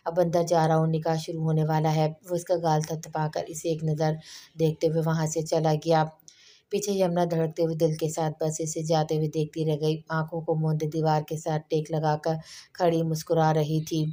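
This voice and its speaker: Woman reading a love story out loud, low and mellow, super monotone, does all the characters herself. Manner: monotone, steady reading with small restarts. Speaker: narrator. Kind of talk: reading a romance novel aloud, voicing every character.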